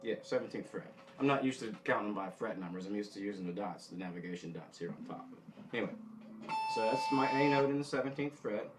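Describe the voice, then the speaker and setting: A middle-aged man giving an informal guitar lesson, thinking aloud haltingly and correcting himself as he goes, with an easygoing, self-deprecating way. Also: on the low side, poor audio. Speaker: guitar instructor. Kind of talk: informal instructional demonstration with music theory. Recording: guitar playing behind the voice. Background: guitar notes being tapped.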